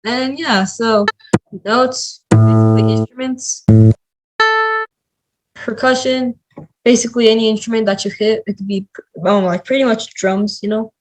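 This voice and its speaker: A man's voice: high voice, fairly even intonation, a little slow, long pauses, over loud music, rough recording. Chatty guy explaining coding, lots of fillers. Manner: chatty, filler-heavy, says "like" a lot. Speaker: coding teacher. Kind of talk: casual screen-recorded tutorial.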